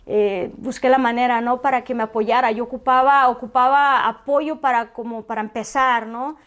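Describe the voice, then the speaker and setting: A woman telling a personal story in conversation, halting and emotional, often repeating words. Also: fairly high pitch, fairly even intonation, a bit bright. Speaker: guest.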